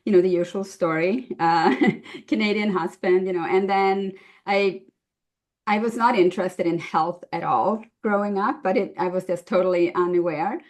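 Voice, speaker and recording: A woman's voice: on the low side, steady tone, normal speed. A woman in her fifties from Sweden, telling her story casually as a podcast guest, with frequent laughs. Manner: chatty, laughs often, many fillers. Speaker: guest nutritionist.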